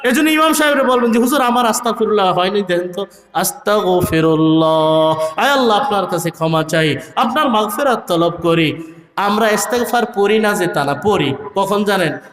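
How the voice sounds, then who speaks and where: A high-pitched male preacher who delivers his sermon in a rhythmic way, rising into shouted peaks and drawing out sung phrases. His voice rings through an echoey hall, with faint music underneath. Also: expressive, normal speed. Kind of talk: Bengali waz sermon.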